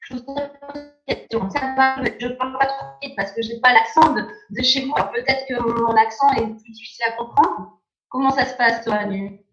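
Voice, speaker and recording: Woman pitching persuasively over a dull video call. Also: fairly even intonation, moderate pace, a bit bright, roomy sound, soft background music. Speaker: presenter. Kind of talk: online sales presentation.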